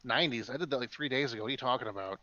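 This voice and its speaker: Bright-voiced joking podcast host. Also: male voice, mid-range voice, rapid-fire, highs cut off. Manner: rambling, joking. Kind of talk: casual chat.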